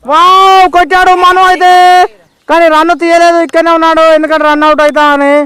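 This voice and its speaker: A man's voice: extremely high pitch, little pitch movement, fairly quick, sharp tone. A man with a Telangana Telugu accent giving informal, exclamatory ball-by-ball cricket commentary, often repeating his calls.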